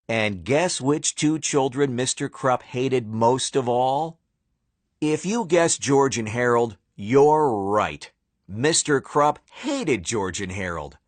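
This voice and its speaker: A man narrating a children's storybook in a playful, animated way, with dramatic pauses. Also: medium pitch, dry recording.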